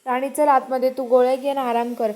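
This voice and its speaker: A woman doing an impatient young man, high and mellow. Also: level tone, a little fast, close to an everyday voice. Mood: pleading. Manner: pleading then firm, talks down to listener. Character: young man defending his ill girlfriend, impatient.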